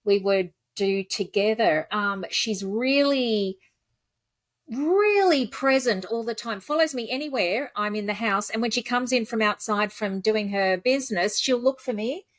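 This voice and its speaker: A woman hosting a casual interview, chatty and laughing often, lively when she quotes herself. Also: on the high side, measured pace, no room sound. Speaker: podcast host.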